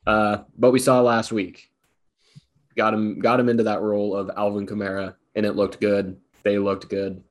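A man's voice: on the low side, level tone, moderate pace. A man co-hosting a sports podcast, talking loosely and in a rambling, self-deprecating way. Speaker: podcast co-host. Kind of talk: casual sports talk.

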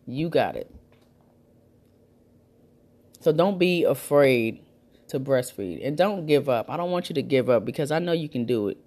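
A woman's voice: a bass voice, animated, normal speed, warm tone. A woman hosting a breastfeeding support talk, giving new mothers emphatic, repetitive, reassuring advice in casual, colloquial speech.

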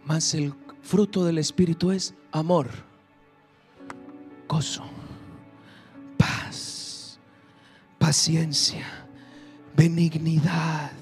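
A man pastor preaching a sermon, dropping to hushed, slow phrases and then rising to shouted bursts. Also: fairly high pitch, steady tone, soft background music.

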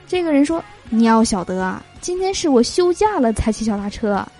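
Bubbly high-voiced woman joke host. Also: big pitch swings, brisk, warm tone, faint music behind. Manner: cheerful, laughs at own punchlines. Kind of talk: reading jokes aloud.

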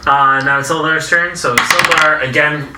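A man's voice: a little high, steady tone, moderate pace, far from the mic. A man running a tabletop game as game master, narrating casually. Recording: noisy echoey room, off mic.

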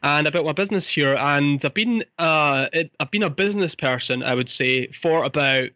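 A man's voice: fairly high pitch, moderate pace, sharp tone, no echo, highs cut off. A man with a Fife Scottish accent, chatting casually as an interview guest. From Fife, Scotland. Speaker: podcast guest, business owner.

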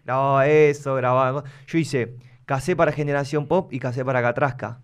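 A young man with a Rioplatense Argentine accent tells his story in a rapid, animated rush. His voice is smooth and clear, at an average pitch for a man, and he keeps pulling the listener in with "¿me entendés?". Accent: Argentine Rioplatense Spanish. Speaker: guest. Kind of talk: casual storytelling in an interview.

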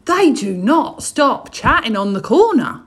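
A woman's voice: a little high, very animated, measured pace. A young woman co-hosting a casual chat with her mother, teasing and dramatic, often laughing. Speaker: podcast co-host, daughter.

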